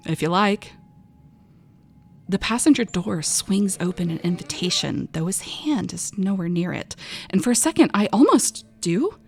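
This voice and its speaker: A woman voice actor narrates a short story in the first person for an audio drama, playing a frightened young woman recounting an eerie tale. Her medium-pitched delivery is dramatic and expressive, turning breathy at tense moments.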